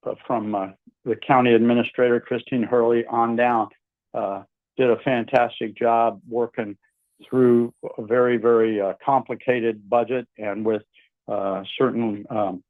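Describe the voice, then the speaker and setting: A man's voice: mid-range voice, fairly even intonation, dry recording. Older man on buzzy phone audio. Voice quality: halting, many fillers and restarts. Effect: buzzy phone call audio. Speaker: county commissioner guest. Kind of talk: call-in radio interview. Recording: tinny dry phone line.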